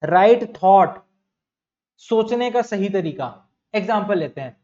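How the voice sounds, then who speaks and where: Young man, teacher, high voice, repeats key terms, asks questions, muffled lo-fi audio. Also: animated, takes it slowly, warm tone. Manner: explains by repeating key words and asking the class questions; addresses students as bhaiya and bachcha. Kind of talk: exam-prep lecture. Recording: dull lo-fi sound.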